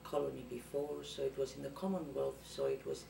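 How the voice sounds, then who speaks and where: An older woman from Cyprus, answering interview questions hesitantly with many pauses. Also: extremely low pitch, very animated, vocal fry. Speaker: interviewee, student's mother. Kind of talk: recorded interview. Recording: roomy, distant, noisy.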